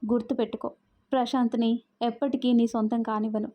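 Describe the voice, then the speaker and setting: A woman's voice: fairly high pitch, little pitch movement, brisk, close to an everyday voice. A woman voicing a scheming, jealous young woman in a narrated audio love story, in a sly and taunting manner. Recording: muffled lo-fi audio.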